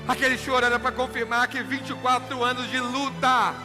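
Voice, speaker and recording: A very high-pitched man tells a personal story on stage as a motivational speaker. He moves between hushed, intimate passages and loud, fervent peaks. Music plays clearly beneath his voice throughout. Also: flat delivery, brisk. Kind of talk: emotional storytelling speech. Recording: music playing behind the voice.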